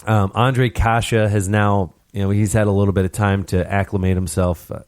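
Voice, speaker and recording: A young man hosts a casual hockey talk show with a fairly low voice that rises and falls freely as he tells anecdotes. His delivery is animated, and he slips into quick impressions of the people in his stories. The sound is dry and close, with little room around it. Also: smooth, no room sound. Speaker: podcast host.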